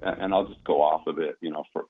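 Deep-voiced man on a tinny line. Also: steady tone, fairly quick, husky. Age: 50s. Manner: easygoing, explanatory, repeats words as he restarts. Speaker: company founder talking about supplements. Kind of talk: casual interview talk.

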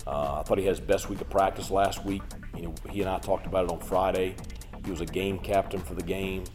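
A man, a college football coach, speaking in measured press conference remarks. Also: low voice, fairly even intonation, music in the background. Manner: measured, some fillers.

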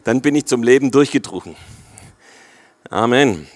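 A man in his forties with a Swabian accent, preaching a sermon in a lively way and often checking in with the congregation. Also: mid-range voice, normal speed, no echo. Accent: Swabian German. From Swabia, Germany.

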